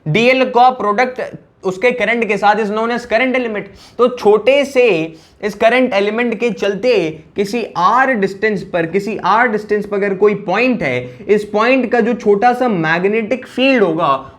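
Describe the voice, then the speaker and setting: Male physics teacher, high voice, chatty, repetitive classroom delivery. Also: measured pace. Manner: conversational, repeats phrases, asks "yes or no?" often. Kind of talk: classroom lecture.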